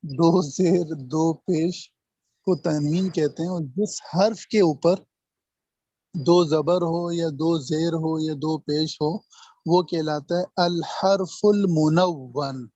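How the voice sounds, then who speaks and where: A man teaching Arabic grammar in an online lesson, speaking slowly and repeating each term and example. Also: fairly high pitch, fairly even intonation, warm tone, breathy edge, no echo. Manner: slow, repeats terms and drills examples. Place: online video call. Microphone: computer mic on a video call. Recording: dull, dry video-call audio.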